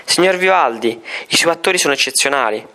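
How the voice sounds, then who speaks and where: A woman's voice: low-pitched, animated, fast talker, sharp tone. A man voicing a fussy, effusive middle-aged schoolteacher in a storybook reading. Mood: gushing. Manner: effusive, then flustered and stammering.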